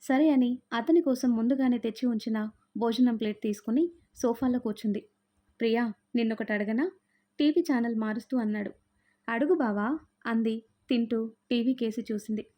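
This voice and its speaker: A woman storyteller reading a romance story in a steady, measured way. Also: a little high. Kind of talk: scripted story narration. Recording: dull lo-fi sound.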